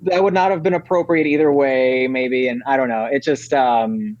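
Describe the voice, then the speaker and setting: A Ukrainian-born man in his thirties chats casually as a podcast guest, rambling with lots of fillers and restarts. His mid-range voice is steady and normal in speed, captured on dull lo-fi audio.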